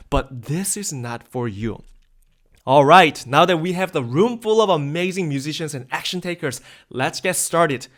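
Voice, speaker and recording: This is a webinar host, a thirtysomething South Korean man, delivering a cheerful, convincing sales pitch that's been scripted.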